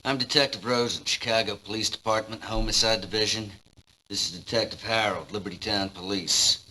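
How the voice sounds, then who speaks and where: A formal, bright-voiced homicide detective. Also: male voice, on the low side, steady tone, fairly quick, a little hiss or hum, poor audio. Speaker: police homicide detective in a mystery game. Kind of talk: dubbed video game dialogue.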